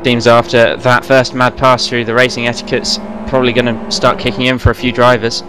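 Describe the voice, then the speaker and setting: A man giving fast, running play-by-play commentary on a sim race, now and then correcting himself. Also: mid-range voice, level tone. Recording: race car engine noise behind voice. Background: racing car engines.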